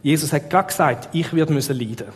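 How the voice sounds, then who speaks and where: Swiss german guy preaching, kinda high voice, lots of questions to the crowd, long hall reverb. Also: fast. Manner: lively, asks the audience rhetorical questions. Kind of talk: sermon.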